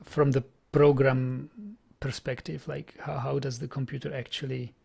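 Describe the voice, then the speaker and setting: Creaky, husky, and a little mellow, this mid-range male voice keeps a level tone and moderate pace. He is a young Czech with a Czech accent, casually chatting on a coding live stream and repeating words as he thinks out loud.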